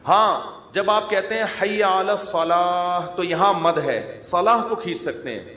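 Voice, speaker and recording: An Islamic scholar with a high, sharp voice gives a conversational religious talk, blending humor with teaching and mimicking drawn-out calls to prayer. It is recorded in an echoey hall with faint ambience.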